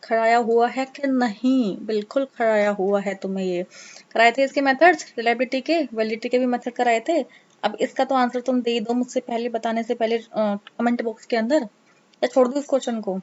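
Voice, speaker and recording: A woman's voice: fairly high pitch, steady tone, moderate pace. Chatty woman teacher, dull lo-fi sound. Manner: chatty, coaxing, teasing students; mixes English terms into Hindi. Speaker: exam prep teacher. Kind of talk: casual Hindi lecture.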